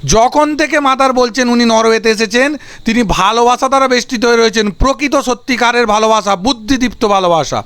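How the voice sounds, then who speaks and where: A male teacher who reads English phrases slowly and explains them quickly in Bengali, line by line. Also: very high-pitched, fairly bright tone, clean tone, dry recording. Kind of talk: line-by-line lecture translation.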